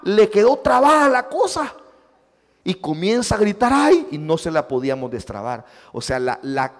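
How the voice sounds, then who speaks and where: A man's voice: high voice, long reverb tail. A man, a pastor with a Salvadoran Spanish accent, preaching a sermon and acting out the dialogue of his stories. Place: church sanctuary.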